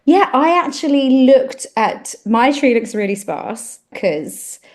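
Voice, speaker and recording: A woman's voice: high-pitched, lively intonation, slow. A woman co-hosting a podcast, chatting casually and earnestly with frequent fillers and restarts. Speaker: podcast co-host. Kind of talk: casual chat.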